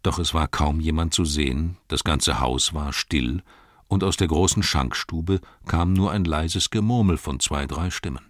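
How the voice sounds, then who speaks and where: A man narrating an audiobook in a measured, expressive storytelling manner. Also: a bass voice, no echo, studio quality.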